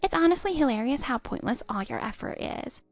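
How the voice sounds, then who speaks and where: A woman's voice: high-pitched, lively intonation, a little fast, no room sound, faint music behind. A woman voicing a spiteful stepdaughter in her twenties who sneers and cuts down her stepmother. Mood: scornful. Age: 20s. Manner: sneering, cutting, contemptuous. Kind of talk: text-story voice acting.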